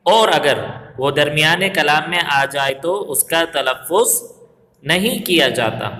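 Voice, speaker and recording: A man with a Pakistani Urdu accent teaches a grammar lesson to camera. His voice sits fairly high and sounds bright and forceful. He asks and answers his own questions and slows down for recited examples, and his voice rings with a long echo in the room. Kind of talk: recorded video lesson. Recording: echoey room with long reverb.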